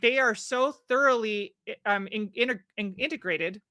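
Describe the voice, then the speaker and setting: A woman's voice: fairly high pitch, moderate pace, bright, forceful tone, no echo. A middle-aged woman guest on a podcast, talking earnestly and often restarting her sentences. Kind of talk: podcast conversation.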